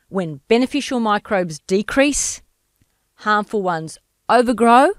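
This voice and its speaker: A woman with a slightly croaky voice, presenting a scripted health podcast in a measured, explanatory way. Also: medium pitch, no room sound, studio quality. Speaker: podcast host, doctor.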